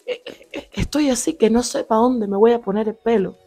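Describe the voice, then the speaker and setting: A young woman from Cuba with a Cuban Spanish accent, slightly hoarse, chatting animatedly through a storytime vlog into a small handheld mic in a small home room. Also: a little high, a little fast, no room sound, soft background music. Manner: chatty, animated, lots of fillers and asides. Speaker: vlogger. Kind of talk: casual storytime. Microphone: handheld lavalier mic near mouth.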